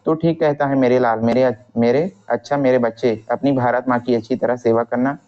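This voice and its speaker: A man's voice: medium pitch, fairly even intonation, fairly quick, warm tone, natural voice. Man reading as a proud grieving mother. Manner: read aloud plainly from the textbook. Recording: dull lo-fi recording.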